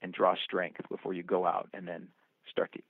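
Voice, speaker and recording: A man's voice: sits low, completely flat delivery, normal speed, breathy edge, dry recording. A man answering interview questions in an earnest, storytelling way, calling up scripture and old poems as he reflects on his working life. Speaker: film producer and actor guest. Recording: dry, tinny phone-line sound.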